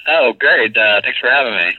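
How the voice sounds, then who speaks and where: A man's voice: medium pitch, animated, normal speed, dry recording. A man from Texas, a film director, chatting easily as a podcast guest. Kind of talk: casual interview. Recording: dry tinny phone line.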